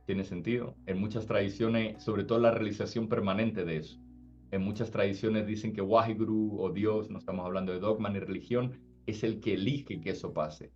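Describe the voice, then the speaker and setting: A man's voice: fairly low pitch, fairly even intonation, moderate pace, a little mellow. A man giving an informal spiritual talk in a casual, conversational way. He often stops to check that the listener follows. The sound is a little dull, with faint music underneath. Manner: casual, asks "does it make sense?" often. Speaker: spiritual teacher.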